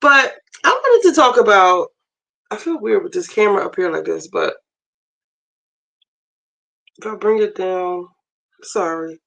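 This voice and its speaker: A woman with a hoarse voice chatting casually on a livestream while she cooks in her kitchen. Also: mid-range voice, animated, a little slow, pauses often, fairly bright tone, poor audio. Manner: chatty, multitasking while cooking. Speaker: livestream host. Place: home kitchen, running water. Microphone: phone camera.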